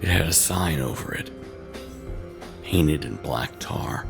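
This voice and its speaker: Over music, a man with a rumbling, low, creaky voice narrates a scripted first-person horror story, delivering short, halting phrases in an ominous, dramatic manner.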